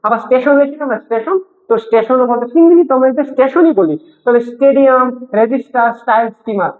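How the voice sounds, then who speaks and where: A young male teacher walks students through a lesson, breaking words apart slowly and repeating them, then asking whether they follow. His voice comes through a narrow, phone-like channel. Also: extremely high pitch. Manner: explains slowly, repeating words and asking questions to check understanding. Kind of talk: classroom lesson.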